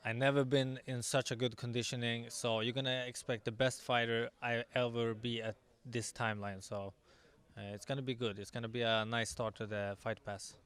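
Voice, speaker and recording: A confident young man, an MMA fighter giving a sports interview in halting English with repeated words. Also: medium pitch, flat delivery, fairly bright tone, smooth. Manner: confident, self-assured. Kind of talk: post weigh-in sports interview.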